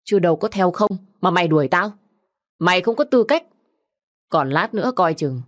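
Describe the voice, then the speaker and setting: A woman's voice: low-pitched, fairly quick, dry recording, studio quality. A woman voicing a fierce young widow who scolds and threatens sharply. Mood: furious.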